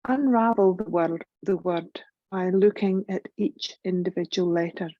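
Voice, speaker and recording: A woman guides a yoga nidra meditation in a gentle, soothing, lowish voice with soft edges, leaving generous pauses between phrases. The recording is close and dry with no echo, and it sounds slightly dull and muffled.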